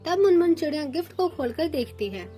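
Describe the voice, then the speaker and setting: A woman narrating a children's cartoon story in a steady storytelling manner. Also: high voice, brisk, faint music behind.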